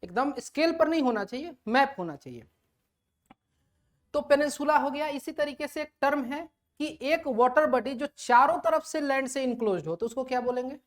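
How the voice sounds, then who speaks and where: A woman's voice: high voice, lively intonation, moderate pace. A woman teaching a lecture who asks her students questions and then answers them herself, mixing English terms into her explanations. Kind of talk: classroom lecture.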